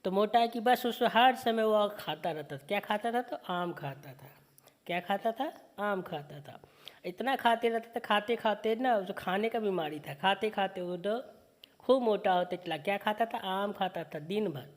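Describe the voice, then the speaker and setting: Woman teacher, patient question-and-answer. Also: mid-range voice. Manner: reads verses slowly and sing-song, then explains with repeated questions. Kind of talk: online class lesson explaining a poem.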